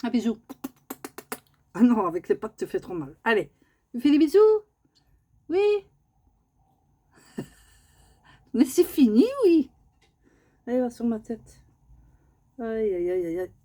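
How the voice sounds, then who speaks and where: A woman's voice: fairly high pitch, expressive, a little slow, pauses often, mellow. A woman, chatting casually in a home vlog and often cooing at her pet bird in a raised sing-song voice. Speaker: vlogger.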